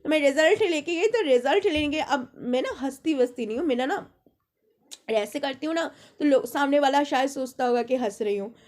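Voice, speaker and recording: High-voiced woman telling chatty stories. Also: darkish tone. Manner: chatty, rambling anecdotes with mimicked quotes. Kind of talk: casual storytelling monologue.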